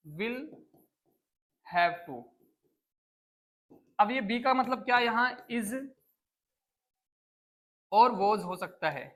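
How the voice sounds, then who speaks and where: A woman's voice: fairly high pitch, fairly bright tone. Woman classroom teacher, quizzing kids and drilling example sentences. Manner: questions pupils and repeats example sentences. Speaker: English teacher. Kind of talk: classroom lesson explaining English grammar. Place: school classroom with children.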